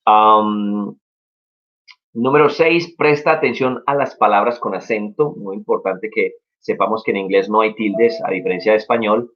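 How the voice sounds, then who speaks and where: A man's voice: fairly low pitch, normal speed. Encouraging young male teacher, lo-fi stream. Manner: upbeat, encouraging, explains step by step. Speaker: English teacher. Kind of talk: casual live-stream lesson. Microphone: live-stream mic. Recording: dull lo-fi stream audio.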